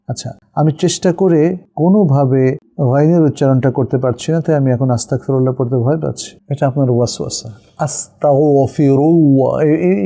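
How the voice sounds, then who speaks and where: A man's voice: fairly high pitch, vocal fry, warm tone. A middle-aged man with a Bangladeshi Bengali accent, an Islamic scholar answering viewers' questions. He explains patiently and checks understanding with tag questions. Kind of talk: religious question-and-answer session.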